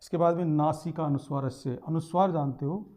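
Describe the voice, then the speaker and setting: A man's voice: on the high side, fairly even intonation, brisk, mellow. A man teaching a lesson, explaining step by step, repeating terms and sounding out letters.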